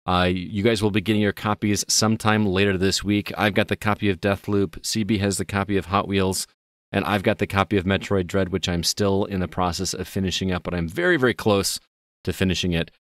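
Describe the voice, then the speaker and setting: A man's voice: sits low, fairly even intonation, fairly quick, fairly bright tone, dry recording. A man hosting a gaming podcast, chatting casually and upbeat, laughing easily. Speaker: podcast host.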